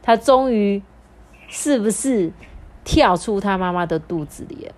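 A young woman hosting a children's story podcast. She tells the story in a playful, animated way and draws out the particles at the ends of her sentences. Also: mid-range voice, unhurried. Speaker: storyteller host.

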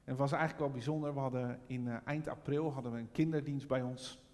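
A man's voice: mid-range voice, steady tone, quick pace, darkish tone, long reverb tail. A middle-aged man preaching a sermon, telling a personal story and then rising into fervent preaching. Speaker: pastor.

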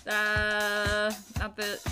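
A woman's voice: medium pitch, monotone, drawn-out words, over loud music. A woman co-hosting a podcast, running a quiz game in an upbeat, teasing way.

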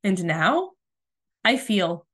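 A woman's voice: medium pitch, very animated, extremely slow, fairly bright tone, husky. A woman who works as a spiritual mentor, talking candidly in a casual podcast monologue, rambling with frequent "like"s and the odd swear word.

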